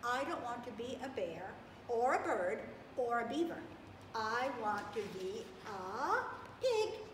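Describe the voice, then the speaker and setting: An older woman voicing a discontented, wishful young boy bunny from a storybook, reading as if to a toddler with emphatic, drawn-out words. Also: fairly high pitch, very animated. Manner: emphatic, sing-song listing with drawn-out final words. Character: young male bunny, discontented, wishful, stubbornly declaring wishes. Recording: echoey, noisy room, distant microphone.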